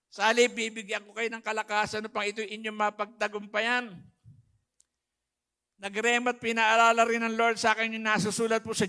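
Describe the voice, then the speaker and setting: Male pastor, emotional testimony sermon, high and bright, little pitch movement. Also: clean tone. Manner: emotional, quotes scripture, addresses listeners as brothers and sisters. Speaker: pastor giving his testimony.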